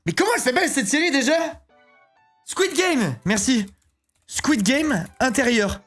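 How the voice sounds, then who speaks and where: A man in his thirties chatting casually on a live stream, excitable and rambling, often breaking into giggles. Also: very high-pitched, a little slow, faint music behind. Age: 30s.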